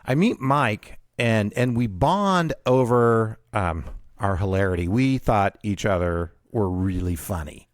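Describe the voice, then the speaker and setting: A male radio host telling a personal story in an animated way, breaking into laughter at his own story. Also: lowish voice, a little slow, hardly any pauses, dry recording, clean studio sound. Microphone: radio studio mic.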